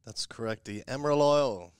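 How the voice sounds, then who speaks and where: A man's voice: mid-range voice, a little fast, clean tone, no room sound. A middle-aged man with a Dublin Irish accent, a guest telling stories with humor in a radio studio interview. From Ireland. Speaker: guest entrepreneur. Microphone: headset mic.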